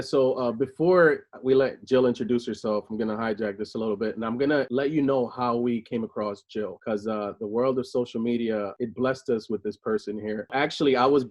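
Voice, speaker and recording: A man's voice: medium pitch, a little mellow. Rambling enthusiastic male talk show host. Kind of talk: casual chat. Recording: dull lo-fi recording.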